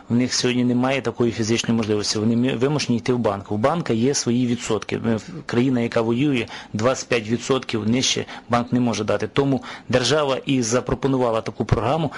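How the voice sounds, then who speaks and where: A man speaking as a government official, explaining in a measured, detailed way how a state program works, with the occasional filler. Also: mid-range voice.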